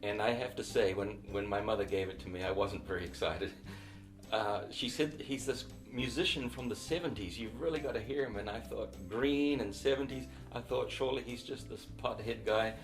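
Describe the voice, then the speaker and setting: Soft background music accompanies a middle-aged man with a New Zealand accent, a missionary and author, as he tells his story in an interview. His voice sits on the low side, and his delivery is reflective and unhurried, with minor restarts.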